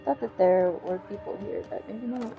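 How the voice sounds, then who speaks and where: A woman's voice: medium pitch, moderate pace, gravelly, phone-quality sound, faint music behind. A woman streaming a video game with casual, playful commentary, chatting to herself as she plays. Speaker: gaming streamer.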